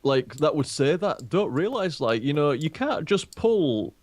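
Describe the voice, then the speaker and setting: A man's voice: fairly high pitch, sing-song, unhurried. Man, late twenties, chatty, laughs a lot, casual stream banter. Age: 20s. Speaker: gaming streamer. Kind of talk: casual chat on a live stream.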